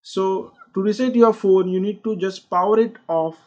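A man's voice: high-pitched, moderate pace, a little mellow. A man walking through a phone tutorial in a casual, explanatory way, with frequent fillers. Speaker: tech channel host. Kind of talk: tutorial walkthrough. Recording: dull lo-fi sound.

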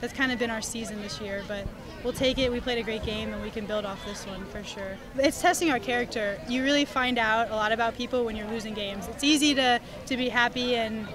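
Quick, bright-voiced young woman athlete. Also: on the high side. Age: young adult. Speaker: goalkeeper. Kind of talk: post-game interview. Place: outdoors at a floodlit field at night. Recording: stadium crowd behind.

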